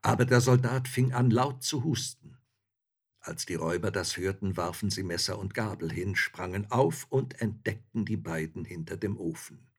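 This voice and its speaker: A man reading a fairy tale aloud as narrator, in an expressive storytelling manner. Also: lowish voice, normal speed, slightly rough.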